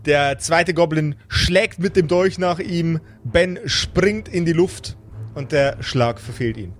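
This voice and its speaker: Over background music, a man with a slightly high voice speaks slowly as the game master of a fantasy tabletop game. He improvises vivid narration and slips into colloquial table talk.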